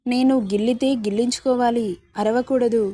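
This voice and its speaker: A woman's voice: a little high, fairly even intonation, normal speed, dark tone, no echo, natural voice. A woman voicing a teasing, playful young husband, bossy and mischievous, in a romance story reading.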